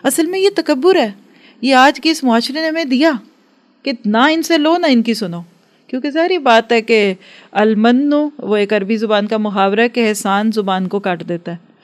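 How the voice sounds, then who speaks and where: A woman's voice: fairly high pitch, normal speed. A woman giving an earnest religious lecture to a class, advising and acting out everyday dialogues. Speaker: religious teacher.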